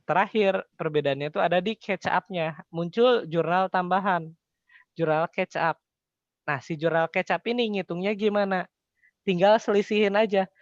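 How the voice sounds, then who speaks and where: With a high voice held at a steady tone and normal speed, a young man tutors accounting informally, walking through each step. He habitually asks a question and then answers it, speaking colloquially. The recording has no room sound, and its high frequencies are cut off.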